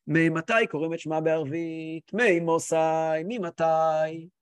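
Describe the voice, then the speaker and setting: A man's voice: fairly high pitch, steady tone, smooth, dry recording, voice pushed down, close to an everyday voice. A man voicing a learned scholarly rabbi who reads aloud and translates in a curt manner. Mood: reading.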